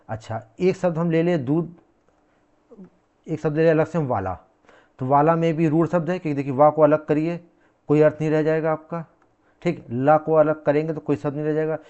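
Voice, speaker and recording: A man's voice: fairly high pitch, warm tone, dull audio. A man giving a classroom lecture, repeating key words and asking the class questions he then answers himself. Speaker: teacher.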